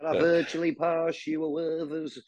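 A man's voice: fairly high pitch, monotone, moderate pace, darkish tone, dry recording, muffled recording. A British man co-hosting a casual football podcast, bantering and giving blunt opinions in colloquial language. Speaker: podcast co-host.

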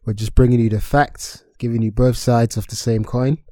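A man co-hosting a finance podcast, explaining things with hesitant fillers and pauses while he searches for words. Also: medium pitch, flat delivery, dark tone, dry recording, clean studio sound. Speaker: podcast co-host. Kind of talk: casual finance podcast chat.

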